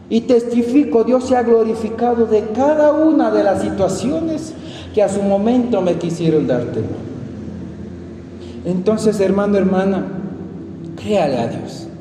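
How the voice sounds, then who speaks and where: A high-pitched, mellow-toned man with an Ecuadorian accent preaches an emphatic sermon, moving from loud outbursts to quiet asides. His voice rings through a church hall with a long reverb. A faint noise sits underneath. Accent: Ecuadorian Spanish.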